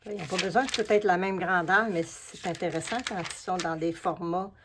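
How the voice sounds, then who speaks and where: A woman's voice: lowish voice, steady tone, fairly quick, noisy background. A woman with a Québécois French accent, chatting casually with the viewer as she shows a craft step by step. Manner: chatty and familiar, explains each step while working. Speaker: collage artist and craft video host.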